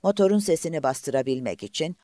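A man's voice: fairly high pitch, lively intonation, fast talker, dark tone, no room sound, clean studio sound. A man narrating an audiobook expressively and voicing the characters himself.

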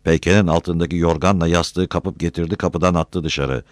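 A man reading a novel aloud as an audiobook narrator, with an expressive storytelling delivery. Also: low voice, normal speed, no room sound. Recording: dry close recording.

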